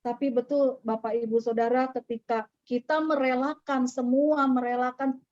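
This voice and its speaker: A woman's voice: sits high, steady tone, moderate pace, a little mellow. A middle-aged woman gives a personal testimony to a church audience. She tells her story conversationally and acts out the dialogue she quotes. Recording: slightly dull, dry recording.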